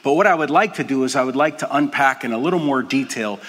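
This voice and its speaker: An older man preaching with a bright, forward tone, earnest and dropping to a hush to stress a point. His voice rings out with a long reverb in a large hall. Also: medium pitch, fast. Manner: earnest, drops to a soft hush for emphasis. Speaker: pastor. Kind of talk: sermon.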